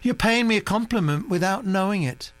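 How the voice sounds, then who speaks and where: A man's voice: high voice, animated, brisk, a bit bright, no echo, pitched above the performer's own voice. A man reading an audiobook, voicing a young woman artist who talks in a lazy, placid, offhand drawl.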